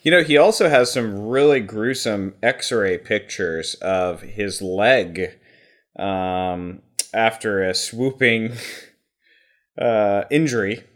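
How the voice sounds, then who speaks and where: A man's voice: fairly low pitch, takes it slowly. A man co-hosting a casual podcast, joking around and rambling playfully as he talks. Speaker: podcast co-host.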